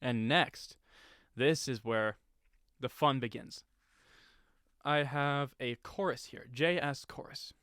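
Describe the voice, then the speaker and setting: A man's voice: mid-range voice, slow pace, a bit bright, smooth, no echo, clean studio sound. A man giving a casual step-by-step tutorial on voice effects, explaining settings plainly with fillers and restarts.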